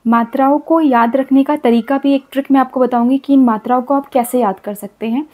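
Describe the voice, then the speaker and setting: High-voiced woman teaching Hindi grammar. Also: steady tone, a little mellow. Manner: patient, repeats example words slowly. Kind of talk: explaining Hindi grammar to children.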